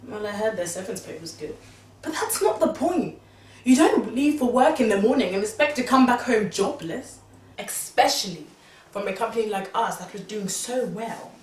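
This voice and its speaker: An actress playing a young married, pregnant woman, animatedly recounting events to her mother, at times exclaiming and at times hushed. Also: medium pitch, lively intonation, normal speed, natural voice. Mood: worried. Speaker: daughter confiding in her mother. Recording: distant, roomy sound with faint background noise.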